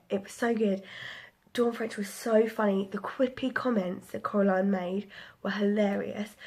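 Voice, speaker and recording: In a casual book review vlog, a woman in her twenties who sounds a bit bunged up rambles about what she's been reading, filling it with ums. Her voice sits mid-range, a little mellow with a breathy edge.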